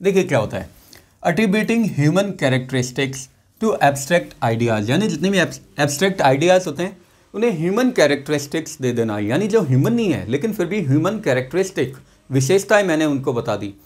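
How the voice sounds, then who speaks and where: Chatty male teacher, slightly high voice. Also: expressive, breathy edge. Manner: reads English examples slowly, explains briskly; chatty, joking asides. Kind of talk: classroom lesson explaining poetry terms.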